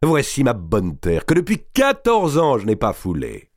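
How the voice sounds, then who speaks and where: A man voicing a giant, burly medieval count who is boisterous and booming in a storybook reading. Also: huge pitch swings, unhurried, dry recording, clean studio sound. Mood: exultant. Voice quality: booming, shouting. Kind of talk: audiobook character voice.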